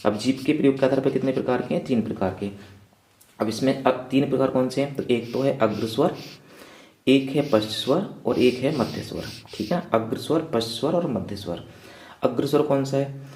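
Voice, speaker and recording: A man's voice: medium pitch, normal speed, darkish tone. A male teacher giving an exam revision lecture, asking his class rhetorical questions and checking in with them over and over. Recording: echoey room.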